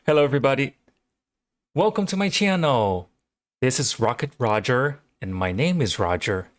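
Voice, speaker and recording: A young Brazilian man with a Brazilian Portuguese accent hosts his own reaction video on a home microphone, casual and enthusiastic, rambling with fillers. His mid-range voice is expressive and moderately paced. There's no room sound.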